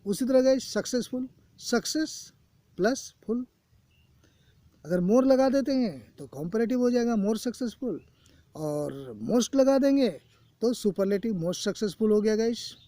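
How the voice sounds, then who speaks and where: A man teaching an English grammar lesson, explaining slowly and repeating points, often calling his students "guys". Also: sits high, animated, warm tone, no echo. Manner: slow, repetitive explanations, keeps saying "guys". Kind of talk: recorded classroom lesson. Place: coaching classroom.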